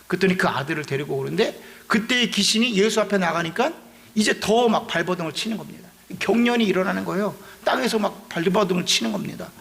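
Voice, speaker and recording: Gravelly high-voiced Korean pastor preaching. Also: male voice, expressive, quick pace, fairly bright tone. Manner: conversational, explanatory, asks rhetorical questions. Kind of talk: sermon.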